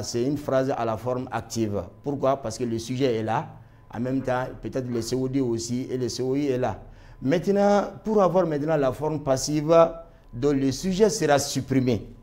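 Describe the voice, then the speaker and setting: A man's voice: medium pitch, normal speed, warm tone. A man with a Malian French accent teaching a grammar lesson, repeating his points with many fillers and switching between two languages. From Mali.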